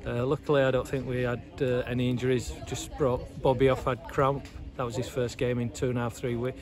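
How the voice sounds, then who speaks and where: A man's voice: medium pitch, little pitch movement, a little fast, over music. A middle-aged man, an assistant football manager giving a post-match interview outdoors, talking hesitantly with many fillers and repeated words. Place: outdoors at a football ground by terrace steps. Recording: loud outdoor noise, traffic.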